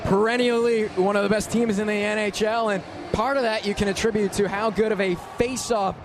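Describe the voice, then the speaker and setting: This guy is doing live radio play-by-play for a hockey game, with a really high-pitched, urgent voice and a fairly quick pace. His running description of the action is excitable and clipped, and the loud ambience of the noisy rink fills the broadcast.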